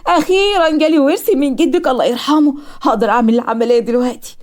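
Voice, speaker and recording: A woman with an Egyptian accent voicing a gentle, ailing middle-aged mother in a cartoon story, soft and concerned. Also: on the high side, racing, lightly acted. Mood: worried.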